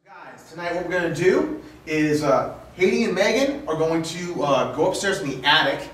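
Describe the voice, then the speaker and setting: A man's voice: fairly high pitch, lively intonation, normal speed, a bit bright, recorded from a distance, faint music behind. A man hosting a paranormal investigation, casually explaining the plan on location. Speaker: paranormal investigator, team host. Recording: echoey, off-mic, faint background noise.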